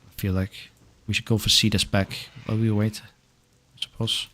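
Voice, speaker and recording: Against slight background noise, a low-voiced young man from Denmark chats casually while gaming on stream and fielding questions from viewers. His Danish-accented speech is relaxed yet halting, with frequent restarts.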